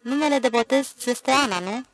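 A stern village priest hearing confession in an audiobook, as the reader puts him on, probing and gently scolding in a gravelly voice. He keeps his questions close and measured. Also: medium pitch, soft background music, voice pushed up, natural voice, poor audio. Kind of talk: audiobook character voice.

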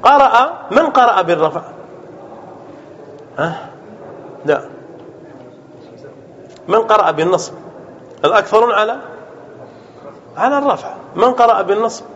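A man's voice: sits high, lively intonation, normal speed, long pauses, a bit bright. A man teaching a grammar class, quizzing his students and repeating key terms as he goes. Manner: asks students questions and answers them, repeats key terms. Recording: dull lo-fi class recording with faint room noise.

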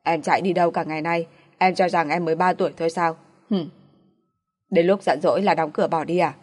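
A woman's voice: deep voice, steady tone, normal speed. A woman voicing a stern, possessive young man who talks in a brusque, clipped way. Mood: angry scolding. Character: stern, possessive young boyfriend, cold but tender.

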